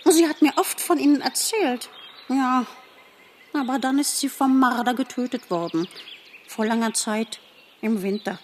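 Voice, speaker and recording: A woman voicing a lively, polite young squirrel who chats eagerly in an audiobook reading. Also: a little slow, slight background noise. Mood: chatty. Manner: eager, high and bright, talkative.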